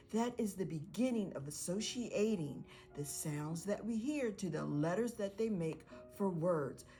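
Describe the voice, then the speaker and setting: Gravelly-voiced teacher talking to parents. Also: female voice, mid-range voice. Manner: encouraging, acts out parent-child dialogue. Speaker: pre-K teacher. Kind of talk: instructional video for parents.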